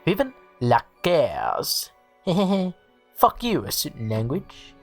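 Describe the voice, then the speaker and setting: A man voicing a bubbly teenage girl in a Valley Girl voice, reading a webcomic aloud in character with sing-song, drawn-out calling. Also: fairly high pitch, huge pitch swings, soft background music, full character voice.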